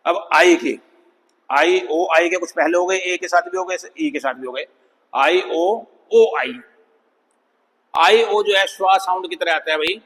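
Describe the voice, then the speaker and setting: A man teaching an English phonics lesson, sounding out words slowly and repeating them for students. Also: high voice, fairly bright tone, husky, big-room sound, poor audio. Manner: slow, drawn-out demonstration of words, calls students "bhai".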